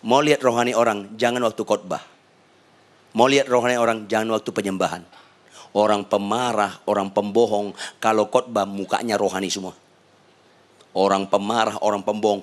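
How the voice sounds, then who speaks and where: A man, a pastor, preaching a sermon in a church with humor, his voice leaping high for emphasis.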